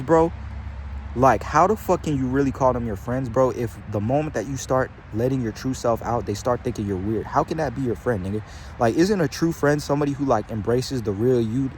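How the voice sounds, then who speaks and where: Young dude yapping about spirit stuff outside, cusses nonstop, says bro every other line, average pitch, faint traffic behind him. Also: male voice. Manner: rambling, slangy, heavy swearing, calls listeners bro and gang. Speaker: spiritual channeler vlogger. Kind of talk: casual profane spiritual pep talk. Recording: faint outdoor traffic noise.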